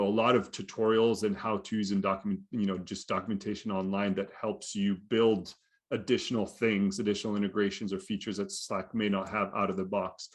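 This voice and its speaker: Low-voiced man explaining at length. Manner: rambling explanations full of "you know" and "right?". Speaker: podcast co-host. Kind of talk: casual conversational podcast chat.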